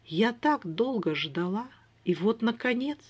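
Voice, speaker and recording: A reader voicing an impatient, eager young woman who chatters fast and excitedly, in an audiobook. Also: mid-range voice, breathy edge, pitched above the performer's own voice. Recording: dull lo-fi recording.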